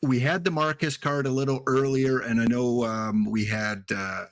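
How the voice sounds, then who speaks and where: A man's voice: medium pitch, steady tone, moderate pace, no echo. A man with a Canadian accent, chatting casually as the host of a show about a baseball card game.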